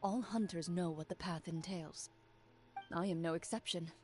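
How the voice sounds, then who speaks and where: An actress playing a composed, reserved young female duelist in a game dub, speaking in measured, formal lines over music. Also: lowish voice, darkish tone, close to an everyday voice. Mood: firm, reserved. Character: composed, stoic young woman, duelist and monster hunter. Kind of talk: English game dub acting.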